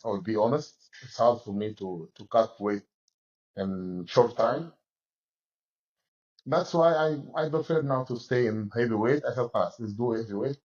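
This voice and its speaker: A man in his forties from Egypt, a fighter and coach, answering interview questions in halting English with many restarts, speaking from a gym locker room. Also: lowish voice, a little mellow, breathy edge, highs cut off. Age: 40s.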